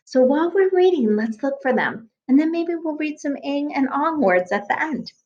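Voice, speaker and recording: A woman teacher reading a picture book aloud to children, gentle and expressive, pausing to ask questions. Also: sits high, dull audio.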